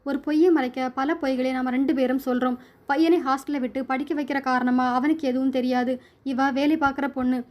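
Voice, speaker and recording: A woman's voice: sits high, steady tone, normal speed, lo-fi sound, close to an everyday voice. A woman reading a firm, worried middle-aged father. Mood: confiding. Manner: firm, hushing, reassuring. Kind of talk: storybook reading.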